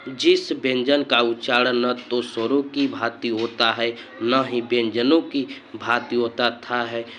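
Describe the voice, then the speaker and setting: A man teaching a grammar lesson, speaking deliberately and often repeating phrases as he explains. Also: medium pitch, little pitch movement, a bit bright, slight background noise.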